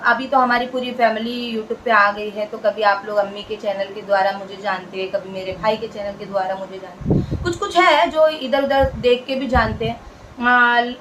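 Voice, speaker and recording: Woman vlogger, a touch high-pitched, earnest, chatty, repeats herself for emphasis. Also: noisy background. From India. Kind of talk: casual talk to camera.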